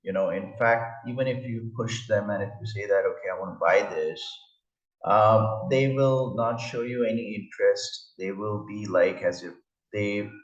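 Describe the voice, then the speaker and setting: A man's voice: fairly low pitch, moderate pace, distant mic. A man from India, a travel vlogger, talking hesitantly with many fillers over a slideshow, face not shown. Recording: roomy, dull lo-fi sound.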